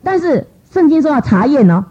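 A middle-aged woman telling a lively church testimony, acting out what people said in changing voices. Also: brisk. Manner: lively, acts out quoted voices with pitch jumps. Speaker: church speaker giving testimony. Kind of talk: storytelling testimony talk. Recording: dull lo-fi recording.

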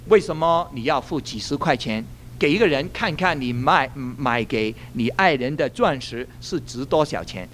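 A male pastor preaching a sermon, telling a story in an animated way and laughing at his own jokes. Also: medium pitch, normal speed, a little hiss or hum.

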